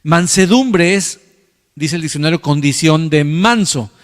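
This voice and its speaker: High-voiced pastor preaching. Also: male voice, a little slow, in a large hall. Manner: conversational preaching with repeated words. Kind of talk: sermon. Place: church hall.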